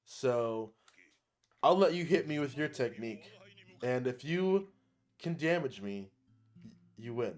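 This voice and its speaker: A big, boisterous demon king, as a man voices him booms and swaggers through his lines. The man keeps close to his own voice, just louder. Faint music plays beneath. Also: expressive, measured pace, long pauses, natural voice. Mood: cocky.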